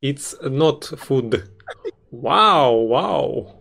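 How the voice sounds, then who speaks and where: A young man from Russia with a Russian accent, hosting a video chat with strangers in halting, broken English over a webcam. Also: mid-range voice, lively intonation, creaky, pushed and bright. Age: young adult. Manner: halting broken English, short simple phrases. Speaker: host. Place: small room indoors. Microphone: webcam on video call.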